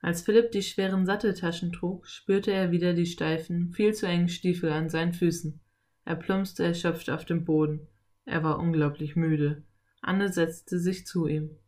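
A woman narrating a children's audiobook in a calm, even storytelling manner. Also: lowish voice, moderate pace.

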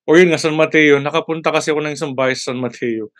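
A man chatting casually as a podcast co-host, halting often to search for words and mixing in English phrases. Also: a little high, steady tone, fairly bright tone, dry recording, studio quality. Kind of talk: casual chat.

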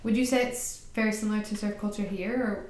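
Woman, mid pitch, casual interviewer, tentative trailing questions, echoey room. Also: fairly even intonation, fast, darkish tone. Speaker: podcast host. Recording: echoey room with background noise.

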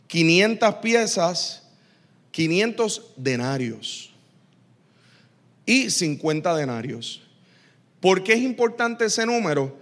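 A man preaching a lively, joking sermon in church, teasing his congregation with quick asides. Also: high-pitched. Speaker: pastor.

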